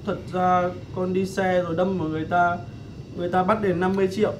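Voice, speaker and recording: A man's voice: sits high, level tone, quick pace, lightly acted. An actor playing a timid, apologetic teenage boy in a TV drama. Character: scared teenage younger brother. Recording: distant voice with noise.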